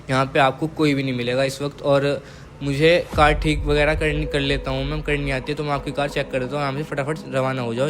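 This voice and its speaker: A young man casually telling a horror story, repeating phrases for suspense and dropping his voice to a hush. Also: medium pitch.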